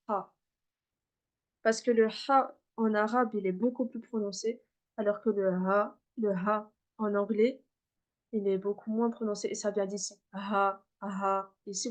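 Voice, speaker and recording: A woman's voice: mid-range voice, darkish tone, highs cut off. A woman teaching a beginner class, patiently repeating and demonstrating letter sounds. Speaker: Arabic teacher.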